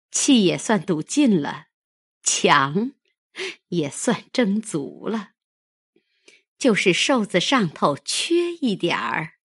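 A woman voicing a proud, sharp-tongued young noblewoman who is ill and weary, speaking with scorn in an audiobook. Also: mid-range voice, slightly rough, no room sound, clean studio sound, exaggerated voice. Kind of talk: audiobook character reading.

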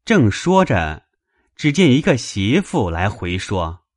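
A man reads a classic novel aloud with a low, deep voice and a slow, unhurried pace. His pitch moves expressively across the lines, recorded dry and close. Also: very animated, dry recording. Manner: measured storytelling, also voicing male characters. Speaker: narrator. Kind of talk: dramatized novel reading.

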